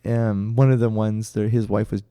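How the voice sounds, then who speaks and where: Middle-aged male co-host, mellow and dry, rambling casual storyteller. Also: on the low side, little pitch movement, normal speed, clear, resonant tone, no room sound. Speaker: podcast co-host, karate instructor. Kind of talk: casual chat.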